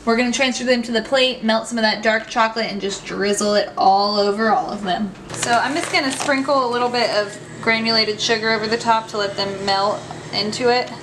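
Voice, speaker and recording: A woman hosts her own home cooking vlog, chatting upbeat to the camera. Her voice sits fairly high. She is heard in an echoey home kitchen with steady noise behind her. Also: a little fast. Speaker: cooking show host. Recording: echoey kitchen, noisy background.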